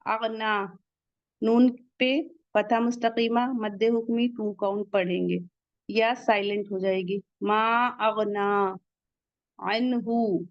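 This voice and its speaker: A woman teaching the rules of Quran recitation, slowly sounding out each word and then explaining how to pronounce it. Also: medium pitch, steady tone, no room sound, highs cut off. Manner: slow, deliberate, drawn-out recitation of each word.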